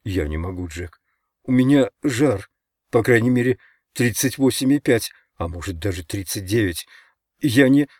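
A man voicing a feverish, panicked teenage boy whose thin, hoarse voice whines like a small child's, in an audiobook. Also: lowish voice, lively intonation, normal speed, darkish tone, no room sound, studio quality, close to an everyday voice. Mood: protesting. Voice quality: thin, whiny, cracking voice. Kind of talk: audiobook character voice.

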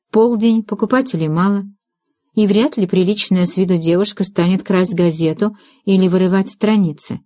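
Mellow woman narrating an audiobook. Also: medium pitch, dry recording, studio quality. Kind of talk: scripted narration.

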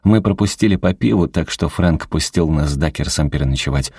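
A man voicing a weary, fond grandmother in a storybook reading, with a dry, wry manner and his own deep, husky voice. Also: a little fast, darkish tone, dry recording, exaggerated voice. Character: weary kind grandmother in her fifties.

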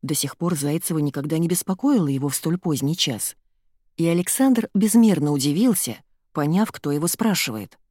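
A woman narrating an audiobook in an expressive, storytelling manner. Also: low-pitched, normal speed, dry recording, clean studio sound.

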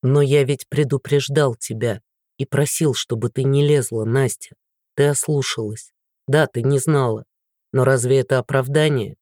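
A man's voice: medium pitch, steady tone, moderate pace, darkish tone, dry recording, clean studio sound, pitched below the performer's own voice, natural voice. A man voicing a stern, weary middle-aged father who speaks in a hollow, bitter tone. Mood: grim.

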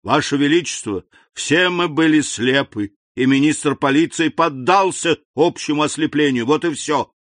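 A man's voice: on the high side, normal speed, hardly any pauses, fairly bright tone, no room sound, lightly acted. A man voicing a loyal, pompous duke who defends a colleague earnestly. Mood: insistent. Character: loyal pompous duke, middle-aged courtier.

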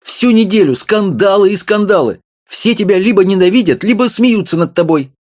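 A man reading an audiobook, voicing an agitated, shrill little wife who scolds her husband. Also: lively intonation, normal speed, darkish tone. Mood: indignant. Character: shrill furious little wife, middle-aged.

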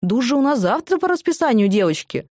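A woman voicing a small, jovial old male prison duty officer with a low rolling voice who speaks in a folksy, unhurried, avuncular way. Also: sing-song, a little mellow, no echo, studio quality. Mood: genial.

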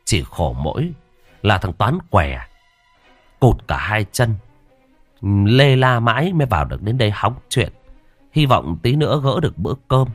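A man narrating a ghost story in a dramatic, lively storytelling manner. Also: lowish voice, a little slow, long pauses, slightly rough, no echo, soft background music.

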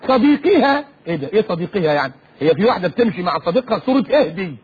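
A man with an Egyptian accent preaching on the radio in an animated way, often mimicking other people's voices. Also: high voice, husky. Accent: Egyptian Arabic. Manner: rapid, animated, mimics voices mid-talk. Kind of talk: lively preaching talk. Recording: dull lo-fi radio recording.

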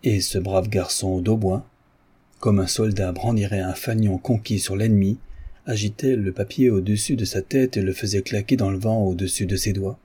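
Low, husky male audiobook narrator. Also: steady tone, normal speed, dark tone. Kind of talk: scripted literary narration.

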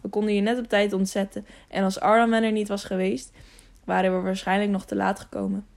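A calm middle-aged knight in a storybook, soft-spoken and reassuring, looking after a wounded young companion, as a woman narrator puts him on. His voice carries a faint gravelly edge. He speaks evenly and kindly. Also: medium pitch, a little fast, natural voice.

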